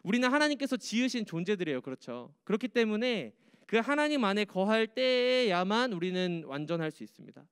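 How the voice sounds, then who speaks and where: Young man, youth pastor, lively sermon, high voice, jokey and chatty. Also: clear, resonant tone. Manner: chatty, joking, animated preaching. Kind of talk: sermon to high school students. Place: church.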